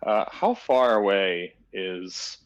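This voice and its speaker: Low-voiced man playing a tabletop game. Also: very animated, takes it slowly, highs cut off. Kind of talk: casual game-table talk.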